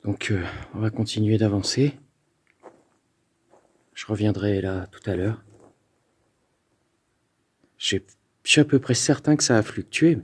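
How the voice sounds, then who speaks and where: A man alone in an abandoned mountain fort, investigating the paranormal and calling out to spirits, often stammering with excitement. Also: fairly low pitch, unhurried, long pauses, husky. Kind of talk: ghost-hunting vlog narration.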